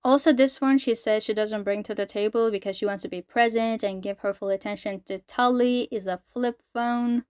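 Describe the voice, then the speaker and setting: A woman's voice: on the high side, steady tone, moderate pace, few pauses, clean tone, no echo, studio quality. A woman giving a casual, sarcastic and exasperated book review.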